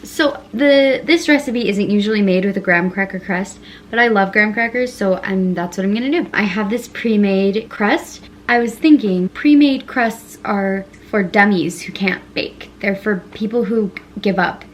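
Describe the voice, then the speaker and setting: A woman's voice: mid-range voice, moderate pace, a little hiss or hum. Self-mocking woman rambling through a bake. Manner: rambling, self-mocking, talks to herself while reading a recipe. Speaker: home baking vlogger. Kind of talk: casual self-filmed baking vlog.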